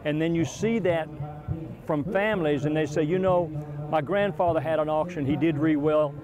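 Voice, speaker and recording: An American man in his sixties gives explanatory interview answers. His voice sits a little high, picked up on a lapel mic outside a tent with a crowd audible behind. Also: steady tone, moderate pace. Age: 60s. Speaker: auction professional.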